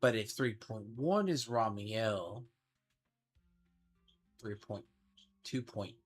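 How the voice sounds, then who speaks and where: A man's voice: lowish voice, animated, slow, husky. A man giving casual game commentary, rambling and thinking aloud as he speculates. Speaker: gaming streamer. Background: game music.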